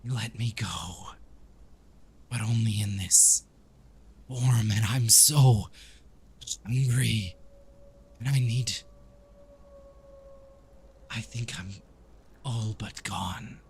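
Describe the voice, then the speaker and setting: A man's voice: fairly low pitch, steady tone, very slow, long pauses, darkish tone, slight background noise, pitched above the performer's own voice. A man voicing a tormented young man turned vampire, pleading in desperate whispers.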